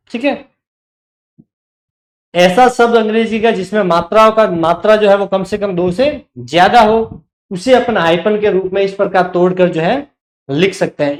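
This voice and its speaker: Male teacher, high-pitched, patient step-by-step online lecture, roomy echo. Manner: explains step by step, checks with the class.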